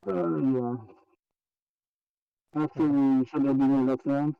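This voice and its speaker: A man's voice: medium pitch, steady tone, slow, creaky, clean tone, no echo, distant mic. Man muffled as if through a pipe. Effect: muffled, as if talking through a pipe. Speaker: tabletop game player. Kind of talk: casual play over an online call. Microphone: faulty earbud mic.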